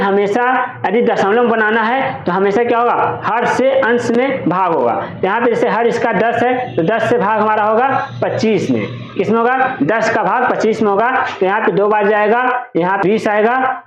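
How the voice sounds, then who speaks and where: A man teaching a math lesson at a board, asking questions and then answering them himself. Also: high-pitched. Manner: counts slowly while pointing at parts. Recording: echoey room, dull lo-fi sound.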